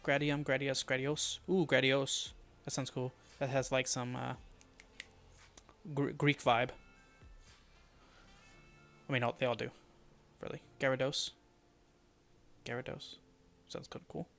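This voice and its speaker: A man streaming live, thinking aloud as he mutters and repeats made-up names to test how they sound, often dropping to a quiet murmur. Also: mid-range voice, level tone, measured pace, vocal fry, pauses often, soft background music. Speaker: streamer building a fantasy world.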